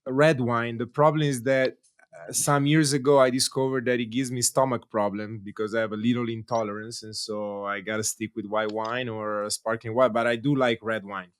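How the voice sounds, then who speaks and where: A man with an Italian accent co-hosting a podcast, speaking haltingly and repeating words as he searches for phrasing. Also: medium pitch, steady tone. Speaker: podcast co-host. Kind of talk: casual interview chat.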